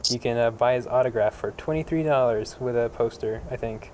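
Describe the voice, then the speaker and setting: A man hosting a casual podcast chat at a middle pitch, reading out facts with lots of ums and restarts. A faint hiss sits under his voice. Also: a little fast, a little mellow. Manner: reads facts with many fillers and laughs. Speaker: podcast host.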